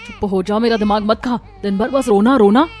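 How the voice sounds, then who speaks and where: एक महिला एक कार्टून कहानी में एक घमंडी, लापरवाह युवा माँ की आवाज़ दे रही है, तीखे और टालने वाले अंदाज़ में।. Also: female voice, on the high side, a little fast, close to an everyday voice. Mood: angry. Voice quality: sharp, dismissive. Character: arrogant young modern wife, careless mother. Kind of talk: Hindi cartoon voice acting. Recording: light music behind voice.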